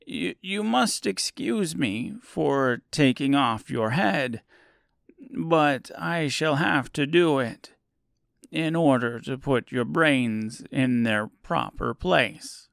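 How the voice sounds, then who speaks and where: A man reading an audiobook, voicing a fussy little male wizard who speaks softly and hesitantly. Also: medium pitch, animated, gravelly, no room sound, clean studio sound, full character voice. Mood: soothing. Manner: soft, hesitant and measured. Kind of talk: audiobook character voice.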